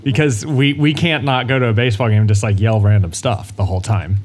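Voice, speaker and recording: A man co-hosting a podcast while hoarse from illness, animated and stammering in casual chat. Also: lowish voice, quick pace, faint music behind. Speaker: podcast co-host.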